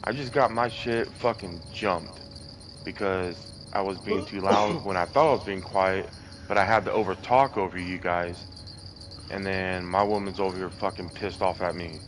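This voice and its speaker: Deep-voiced blunt man over background noise. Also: fairly even intonation, normal speed. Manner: blunt, irritated, curses a lot. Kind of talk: casual group chat on a live stream.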